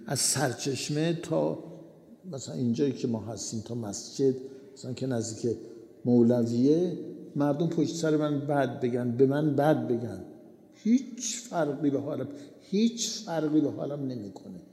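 A man's voice: mid-range voice, lively intonation, dark tone. A man giving a sermon, repeating his key phrases again and again for emphasis. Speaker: preacher. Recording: echoey hall reverb.

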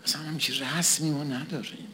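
A man's voice: fairly high pitch, fairly even intonation, bright, forceful tone, slight background noise. Man giving a conversational sermon. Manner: poses and answers his own rhetorical questions; repeats phrases for emphasis. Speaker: preacher.

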